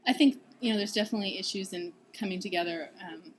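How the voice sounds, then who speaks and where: A seminary student in her thirties answers interview questions with care, laughing often and pausing on ums. Her voice is mid-range, and the recording quality is poor.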